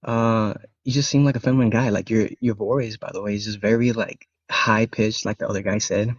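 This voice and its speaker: In a casual live-stream debate, a young man with Spanish as his first language and English as his second argues bluntly, rambling through restarts at a fairly quick clip. His fairly low voice keeps a steady tone, heard over dry, dull call audio with a muffled lo-fi band and no echo.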